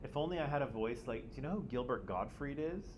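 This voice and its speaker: In a noisy classroom recording, a male teacher leads a class discussion, joking with students, teasing himself, and asking questions. He constantly checks in by tagging "right?" onto his points. His medium-pitched voice is expressive and quick.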